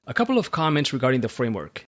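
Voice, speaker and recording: A man hosts a podcast, reading his script in a steady, measured way. His voice sits at an ordinary middle pitch for a man. He moves calmly from his prepared remarks into questions for his guest. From Central America. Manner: measured, read-aloud delivery. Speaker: podcast host. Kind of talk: scripted podcast monologue and interview.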